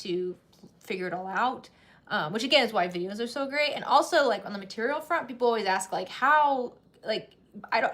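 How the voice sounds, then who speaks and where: A woman in her thirties hosts a sewing channel livestream, chatting casually in a medium-pitched, slightly bright voice. She restarts her sentences often and laughs frequently.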